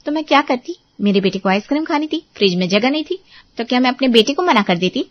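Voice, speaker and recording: A woman's voice: fairly high pitch, animated, fast, dry recording, muffled recording, voice pushed up, lightly acted. A woman doing a mocking, defiant sister-in-law. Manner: mocking, sharp retorts. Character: cool, defiant sister-in-law, sharp-tongued. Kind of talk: storybook drama.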